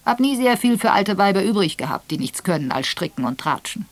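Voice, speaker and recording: A woman voicing a blunt, frank old rich man who talks loudly and gruffly and gives orders. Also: medium pitch, big pitch swings, brisk, no echo, voice pushed up. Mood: blunt, commanding.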